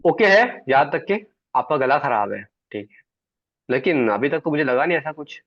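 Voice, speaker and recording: A man's voice: a little high, sing-song, normal speed, dry recording. A man teaching an online sales class, chatty and always checking in with his students. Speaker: sales trainer. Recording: dull, dry online call audio.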